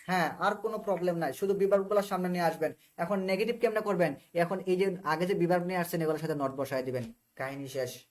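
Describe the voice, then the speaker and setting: Talking fast in a high voice, this Bangladeshi-accented man runs a live English class online. Patient in his explanations, he goes over points again and again and frequently asks if his students follow.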